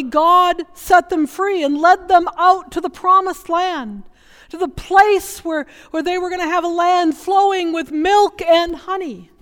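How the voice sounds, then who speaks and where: A woman pastor preaching a sermon in a conversational, humorous storytelling way, recorded in a church. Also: high-pitched. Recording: reverberant church sanctuary.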